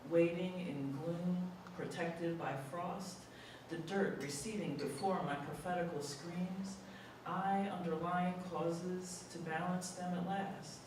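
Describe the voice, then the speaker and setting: Poetry reader, deliberate and expressive, slow pace, distant mic, clear room noise. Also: medium pitch. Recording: echoey hall, mic far off, audible room noise.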